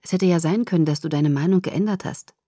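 A woman voicing a calm, soft-spoken young man in an audiobook, low and gentle. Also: a little fast, no room sound, studio quality, lightly acted. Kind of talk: audiobook character voice.

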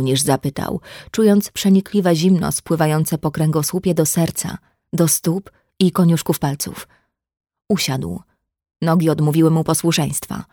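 A woman narrating an audiobook in a measured, even reading. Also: sits low, dry recording, clean studio sound. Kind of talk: scripted narration.

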